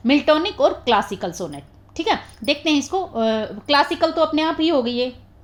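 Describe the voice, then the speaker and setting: A woman teaching an exam-prep literature lesson. She explains step by step, keeps checking in with her students and drops into slow, careful English phrases. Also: sits high, lively intonation.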